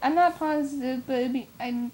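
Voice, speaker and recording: A woman's voice: sits high, moderate pace, darkish tone, a little hiss or hum. A young woman co-hosting a casual fan chat, rambling and giggly as she speculates. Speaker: comic fan co-host.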